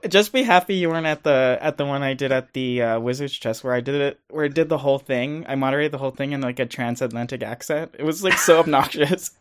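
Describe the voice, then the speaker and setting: A man's voice: medium pitch, fast, hardly any pauses. A man in casual podcast chat, easygoing and laughing at himself.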